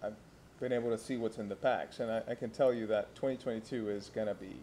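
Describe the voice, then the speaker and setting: Young man telling a relaxed story. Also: fairly low pitch, quick pace, slight background noise. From Santiago, Dominican Republic. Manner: relaxed storytelling with laughs and restarts. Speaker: co-host. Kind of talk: casual chat.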